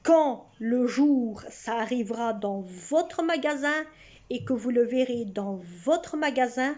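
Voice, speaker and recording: A woman in her sixties, talking to her camera at home with a high voice and an unhurried pace. She rambles along, circling back and repeating herself. The sound is a bit muffled, like a home video. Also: expressive, darkish tone. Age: 60s. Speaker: vlogger. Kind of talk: casual chat to camera. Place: at home, indoors. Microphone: camera in front of her.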